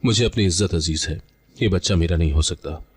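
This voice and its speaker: A man's voice: low voice, fairly quick, husky. A man voicing a cold, angry young husband who speaks with contempt. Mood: bitter. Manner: bitter, contemptuous.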